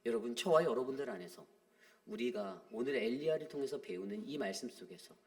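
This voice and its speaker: A man's voice: mid-range voice, animated, brisk, a little mellow. A man preaching a dawn-prayer sermon as pastor, earnest and conversational, acting out voices in the story. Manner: earnest preaching, acts out dialogue in conversational Korean. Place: church sanctuary.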